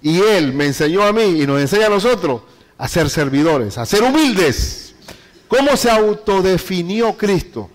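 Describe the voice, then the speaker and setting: A man preaching a sermon as a pastor, reading scripture slowly and firing rhetorical questions at the congregation. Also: sits high, very animated, long reverb tail. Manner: reads scripture aloud slowly and deliberately.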